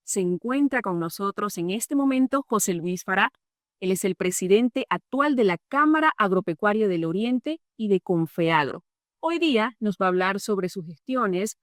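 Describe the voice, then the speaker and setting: A woman with a medium-pitched voice speaks in studio-quality audio with no room sound. Hosting an interview, she introduces and questions her guest politely and formally, offering a warm-toned welcome.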